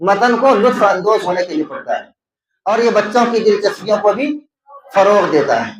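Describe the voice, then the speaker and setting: A man's voice: high-pitched, crowd noise. A man with an Indian Urdu accent gives an exam-prep lecture as a teacher. He asks questions and answers them himself, repeating key terms to explain them. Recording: echoey room.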